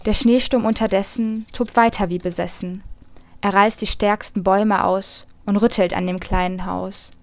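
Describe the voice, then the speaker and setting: A woman reading a rhymed children's story aloud, lively, lifting her voice for the animals' lines. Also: medium pitch, normal speed, no echo.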